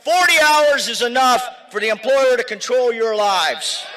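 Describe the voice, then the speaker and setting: A man speaking as a union member at a political rally, shouting emphatic, slogan-like lines. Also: extremely high pitch, unhurried, over a noisy crowd, heavy background noise.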